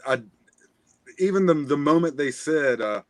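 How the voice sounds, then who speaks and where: A man's voice: fairly high pitch, expressive, a little slow, dry recording. A man co-hosting a casual movie review podcast, rambling with lots of fillers and restarts. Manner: rambling, self-correcting, many fillers. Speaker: podcast co-host.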